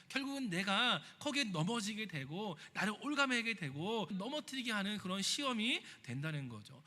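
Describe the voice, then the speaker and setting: Male pastor, sermon delivery, very lively swinging pitch, church reverb. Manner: lively preaching, acting out quoted voices and asking the congregation questions. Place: church sanctuary.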